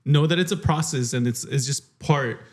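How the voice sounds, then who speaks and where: A young man co-hosting a podcast, recounting his week in relaxed, rambling casual chat. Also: medium pitch, normal speed. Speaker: podcast co-host.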